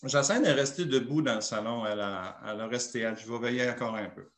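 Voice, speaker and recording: A man's voice: mid-range voice, quick pace, fairly bright tone, echoey room. A man with a Québécois French accent, a pastor telling a personal story in a sermon and acting out the dialogue. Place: church.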